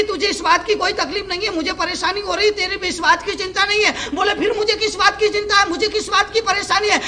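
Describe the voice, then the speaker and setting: A man giving a fiery sermon as a monk preacher, loud and emphatic, repeating phrases to drive points home. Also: extremely high pitch, slight background noise.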